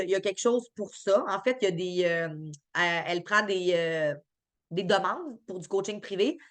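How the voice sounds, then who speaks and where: A woman's voice: mid-range voice, fairly bright tone. A woman with a Québécois French accent, chatty and upbeat, answering viewers' chat questions on a live stream with lots of fillers and restarts.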